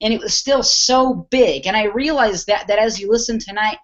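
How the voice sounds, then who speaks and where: A man in his twenties, an internet marketer giving an eager sales pitch on a webinar, often restarting his phrases. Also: moderate pace, fairly bright tone, dull audio. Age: 20s.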